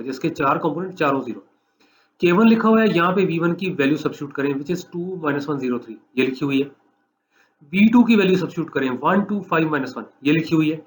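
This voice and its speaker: Male math lecturer, explaining step by step. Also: fairly high pitch. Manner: explanatory, repeats steps, dictates slowly for note-taking.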